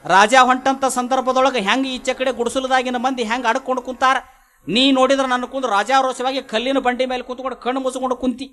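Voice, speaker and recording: A man's voice: very high voice, flat delivery, a little fast, bright, forceful tone. A man with a North Karnataka Kannada accent voicing a proud conquering king in a sermon story, boastful and indignant.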